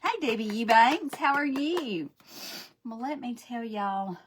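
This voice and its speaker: A woman's voice: fairly high pitch, lively intonation, slow pace, a little hiss or hum. A woman chatting folksily on a livestream while she paints, greeting viewers by name. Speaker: craft livestream host.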